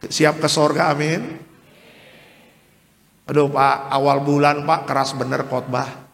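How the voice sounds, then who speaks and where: High-voiced preaching man, gravelly. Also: slow, long reverb tail. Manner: animated preaching with acted-out quotes. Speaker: pastor. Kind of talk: sermon. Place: church hall.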